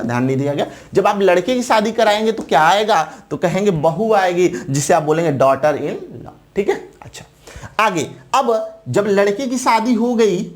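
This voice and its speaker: A man teaching exam students, asking the viewer questions and answering them, often checking in with "right?". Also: sits high. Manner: repetitive, checks in with "theek hai na" often. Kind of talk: classroom lecture.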